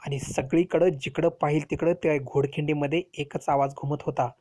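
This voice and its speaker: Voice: mid-range voice, fairly even intonation, moderate pace, dark tone. A teacher telling a history lesson to children, explaining step by step and asking rhetorical questions.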